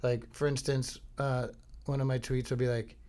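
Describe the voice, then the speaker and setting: With a medium, darkish, level voice at a moderate pace, a middle-aged Florida man runs his podcast from home. He rambles and jokes, interrupting himself to sing goofy bits and do impressions.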